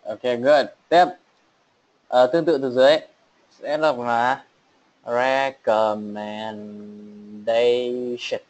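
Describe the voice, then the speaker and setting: Man coaching English pronunciation, drawn-out words. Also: medium pitch, a little mellow, lo-fi sound. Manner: repeats words slowly, coaching and checking. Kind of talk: online class drilling pronunciation.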